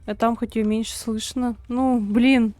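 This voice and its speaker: A woman's voice: fairly high pitch, fairly even intonation, unhurried, mellow. A woman live-streaming a game, chatting casually and informally as she plays and reacts. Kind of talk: casual live-stream chat while gaming.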